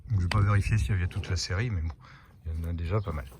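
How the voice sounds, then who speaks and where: A man's voice: sits low, very fast, background noise. A man casually presenting his flea-market finds to the camera, hesitant with many fillers as he lists items one by one. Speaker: video host. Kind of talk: casual haul vlog.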